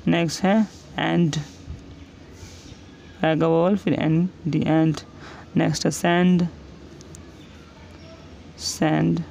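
Gravelly-voiced man teaching a lesson. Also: a little high, steady tone, darkish tone. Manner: patient, repeats each example word slowly. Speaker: shorthand teacher. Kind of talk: explaining a lesson step by step. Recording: dull lo-fi sound with faint hiss.

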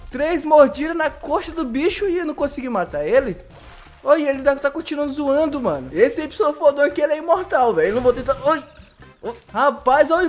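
A young man with a Brazilian accent giving excitable, slangy live commentary over gameplay and laughing often. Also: very high-pitched. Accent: Brazilian Portuguese. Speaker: gaming YouTuber.

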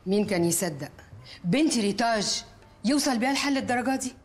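A woman's voice: a little high, expressive, fast talker, faint music behind, natural voice. An actress with an Egyptian Arabic accent playing a fussy, doting middle-aged wealthy mother in a TV comedy series.

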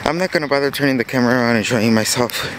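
A man's voice: medium pitch, very fast, background noise. Rambling teenage boy vlogging on the go. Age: teens. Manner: rambling, restarts, casual and self-mocking. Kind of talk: casual daily vlog. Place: outdoors walking in rain, then at home. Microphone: handheld camera.

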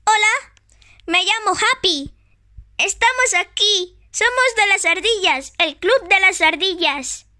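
Lady doing a sweet squirrel kid voice, high and bright, slow. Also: no room sound, clean studio sound, full character voice. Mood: friendly. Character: friendly young squirrel club member.

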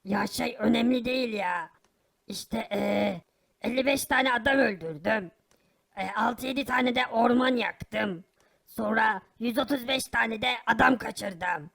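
A woman's voice: fairly high pitch, unhurried, creaky, fairly bright tone, heavily acted. A woman voicing a sly, shameless criminal in a cartoon who boasts about his crimes. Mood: boastful. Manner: sly, wheedling, casually boastful. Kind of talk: animated cartoon voice acting.

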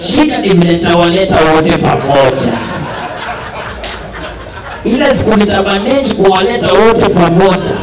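A man's voice: high-pitched, animated, normal speed, long pauses. A young man with a Kenyan accent roasting and telling comic stories on a small stage. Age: young adult. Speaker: comedian roasting on a panel. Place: small indoor bar stage. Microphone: handheld microphone. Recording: echoey venue, distant from mic.

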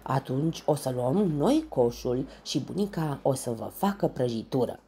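A woman's voice: extremely low pitch, big pitch swings, mellow, slightly rough, heavily acted. A woman voicing a clever young male meerkat detective in a children's storybook, curious and questioning. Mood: eager.

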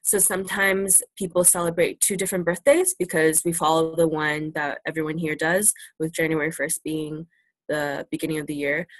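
Over a laptop webcam call, a young woman whose first language is English presents on China in an informal classroom Q&A, peppering her talk with ums and likes. Her voice is deep with fairly even intonation. She speaks at a moderate pace, and the recording is dry.

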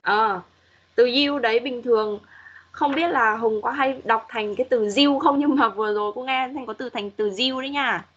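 A woman's voice: fairly high pitch, moderate pace, fairly bright tone, breathy edge, lo-fi sound. A woman English teacher giving patient, corrective feedback to students in an online class, modeling pronunciation as she goes.

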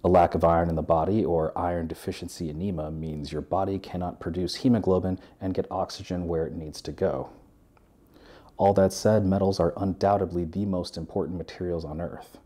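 Deep, husky-voiced man narrating an essay. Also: steady tone, brisk, warm tone. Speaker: welder and video essayist. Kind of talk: scripted narration. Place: living room with a sofa.

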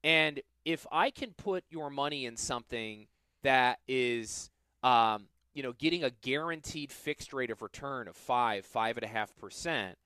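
A man's voice: medium pitch, smooth, no echo. Southern guy, middle-aged, chatty radio money talk, dry studio sound. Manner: animated, self-deprecating, quick asides. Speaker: financial planner, radio show host. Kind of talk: casual radio chat and explanation.

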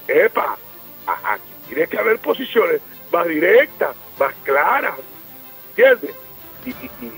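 A Venezuelan man debating on a radio news show in a high, widely swinging voice. He talks emphatically, breaks into exclamations and repeats words as he presses his point. A faint music bed plays under his voice. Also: a bit bright, poor audio. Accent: Venezuelan Spanish. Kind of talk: heated debate.

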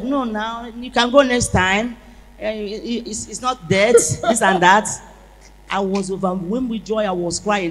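A woman giving an animated church testimony, acting out the dialogue as she tells it. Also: lowish voice. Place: large church hall. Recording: echoey church hall.

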